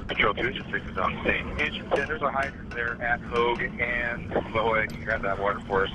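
A man's voice: mid-range voice, fairly even intonation, brisk. A man on a fire crew giving brief status reports over a two-way radio. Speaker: responding fire crew member. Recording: noisy two-way radio traffic.

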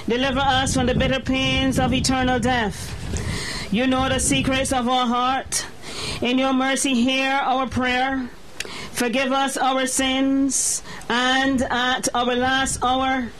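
A man officiating at a burial, reading a committal liturgy slowly and solemnly outdoors at the graveside. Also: very high voice, a bit bright, a little hiss or hum, low-quality recording. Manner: slow, measured, solemn recitation.

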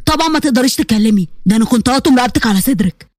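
A woman's voice: fairly high pitch, lively intonation, racing, a little mellow, no room sound, studio quality. A woman voicing a stingy, harsh middle-aged father with an Egyptian accent, cold and mocking.

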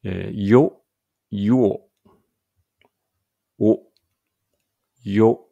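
A man reading a language lesson aloud slowly and carefully, with muttered asides to himself. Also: on the low side, steady tone, vocal fry, dark tone, highs cut off.

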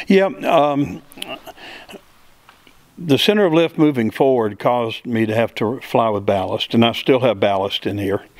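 Being interviewed in an open hangar, a middle-aged aircraft builder and pilot speaks into a handheld mic held by the interviewer. His voice is on the low side and the recording is dry, and he explains things simply, step by step, with lots of fillers.

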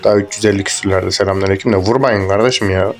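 A man's voice: fairly low pitch, steady tone, racing, soft background music. A young man giving casual, crude, joking commentary over a game, rambling and swearing as he plays. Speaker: gaming YouTuber.

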